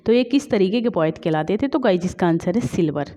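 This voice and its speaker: Indian woman teaching, mellow voice. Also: fairly low pitch, lively intonation, fairly quick. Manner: explains step by step, with many fillers and rhetorical questions. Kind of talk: exam-prep lesson in Hindi and English.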